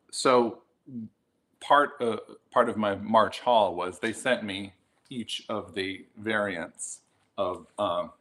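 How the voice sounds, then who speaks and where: A man's voice: on the low side, a bit bright. A tired, jet-lagged middle-aged man chatting casually to camera about his vinyl purchases, rambling with many ums and restarts.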